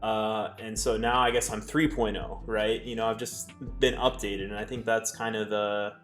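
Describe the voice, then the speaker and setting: A man's voice: lowish voice, flat delivery, moderate pace, fairly bright tone, faint music behind. A man in his twenties talking casually on a livestream, rambling with many fillers and restarts. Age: 20s. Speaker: streamer reading chat.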